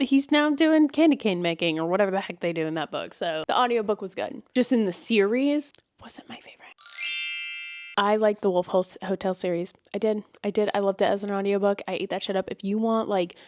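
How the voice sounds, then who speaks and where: A woman chatting casually as a book reviewer, animated and prone to whispered asides. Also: mid-range voice, no room sound, studio quality. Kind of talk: casual chat.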